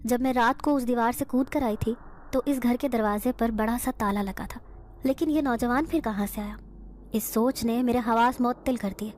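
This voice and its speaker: A woman's voice: on the high side, a little mellow, slight background noise. Earnest woman telling a horror story. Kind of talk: scripted first-person horror narration.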